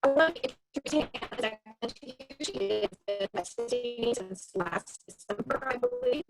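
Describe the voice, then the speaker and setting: A woman's voice: on the high side, huge pitch swings, moderate pace, over loud music. Woman on a choppy, breaking-up video call. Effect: choppy, breaking-up video call audio. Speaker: webinar host introducing speakers. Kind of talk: webinar introduction. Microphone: computer mic on video call.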